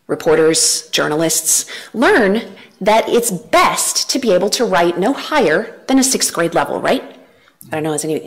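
A woman in her thirties gives an earnest church talk from a lectern through a headset mic, gesturing animatedly and varying her emphasis. Her voice is medium-pitched, and the audio is poor.

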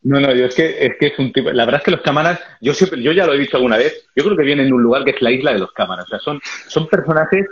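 A man with a Spanish accent hosting a live stream chat, joking and talking in quick bursts. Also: mid-range voice, lively intonation. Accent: Spain Spanish. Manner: joking, rapid-fire talker. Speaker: host. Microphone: video call. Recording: muffled lo-fi live stream audio.

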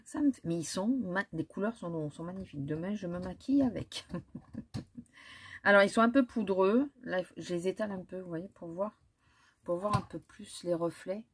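Woman vlogger, husky, lowish voice, hesitant casual chat. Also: moderate pace. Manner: chatty, hesitant, many fillers and restarts. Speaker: beauty vlogger. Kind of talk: casual haul chat with swatches.

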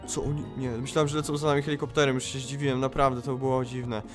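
A man role-playing as a child in an online game, excited and full of quick exclamations. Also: mid-range voice, music in the background. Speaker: gamer playing a child character. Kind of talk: game role-play with voice chat.

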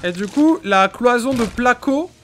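A man's voice: extremely high pitch, expressive, unhurried, a bit bright, a little hiss or hum. A young man hosting casual gameplay commentary, exclamatory and slangy, speaking straight to his viewers. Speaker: gaming video host. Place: small indoor gaming room.

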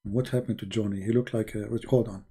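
Sarcastic man with a mellow voice. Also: lowish voice, fairly even intonation, a little fast, slightly rough. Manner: sarcastic, mock-naive questioning; broken, non-native English grammar. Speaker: online commentator. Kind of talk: mocking monologue.

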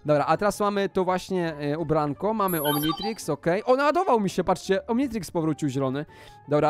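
A young male gaming YouTuber narrates a Minecraft roleplay at a high pitch, his voice bouncing wildly up and down. He is excitable and often shouts as the action heats up, with light music playing underneath.

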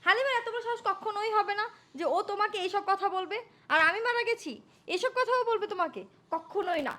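A woman plays an indignant wife from a short drama with a very high, bright voice. She talks quickly and in a demanding way, pressing hard for answers. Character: wronged older sister and wife, indignant. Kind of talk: short-film drama acting.

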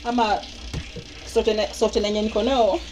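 A Kenyan woman with a mid-range voice, fairly even intonation and normal speed films herself on a handheld phone doing a casual how-to in a small home laundry area. As a vlogger, she's chatty, blends Swahili with English, and points things out. Running water creates a noisy background.

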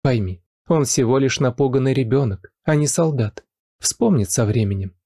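A man voicing a scheming young wife who speaks quickly and sweetly, with a dark, dry voice raised in pitch. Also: slightly rough, dry recording. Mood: sweet, coaxing. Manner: fast, sugary, pleading then spiteful.

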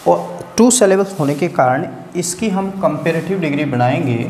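At a normal speed, a man with an animated, somewhat high and slightly mellow voice teaches English grammar for exam prep. He breaks things down step by step and keeps checking that students follow. The recording has an echoey hall sound with faint hiss.

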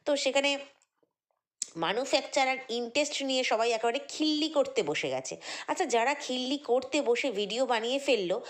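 A woman's voice: high-pitched, expressive, fairly quick. A woman vlogger, giving an indignant, chatty commentary monologue full of fillers and repeated words. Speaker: vlogger commenting on other creators.

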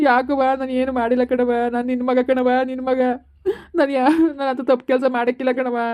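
A woman's voice: high-pitched, dull audio, lightly acted. A woman acting as a young husband thrown out by his family, pleading and self-pitying. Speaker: son in a village drama.

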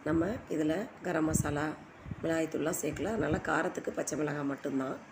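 A woman narrates a home recipe in a lowish, gravelly voice. She sounds hoarse, as if her voice is giving out. The voice-over is informal, with clear background noise. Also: steady tone, a little fast. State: hoarse, voice giving out from a cold-weather strain. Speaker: home cooking video host. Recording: noisy home voice-over recording.

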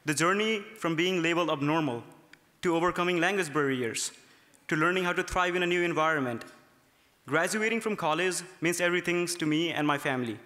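Reading earnestly from his notes, a young Nepali student gives a prepared speech at a gala in a large, ornate hotel ballroom. His pitch is fairly high and his tone bright and forceful. The podium microphones carry the long reverb of the hall.

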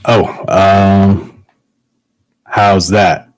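A man's voice: sits low, flat delivery, extremely slow. Man on a clipping, distorted mic. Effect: clipping, distorted mic peaking. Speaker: guest commentator. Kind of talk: casual livestream chat. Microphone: own microphone over a video call.

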